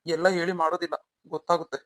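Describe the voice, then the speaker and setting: A woman voicing a young husband who is protective toward his wife and quick to anger at a rival, in a melodramatic audio story. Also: fairly low pitch, little pitch movement, dry recording, natural voice. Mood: angry.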